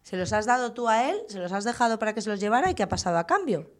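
A woman's voice: fairly high pitch, animated, racing. Patient woman coaxing small children. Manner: patient, coaxing, asks many questions. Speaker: teacher hosting a children's school radio show. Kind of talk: gentle questioning talk with small children.

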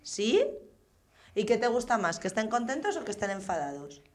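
A teacher hosting a children's school radio show speaks in a mid-range, very animated voice at normal speed. She patiently coaxes small children with gentle talk, asking them lots of questions.

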